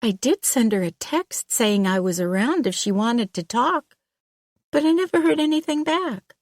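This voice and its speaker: A woman reading a nervous, flustered young female hairstylist in an audiobook, pitched high and hesitant. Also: expressive, moderate pace, no room sound, studio quality.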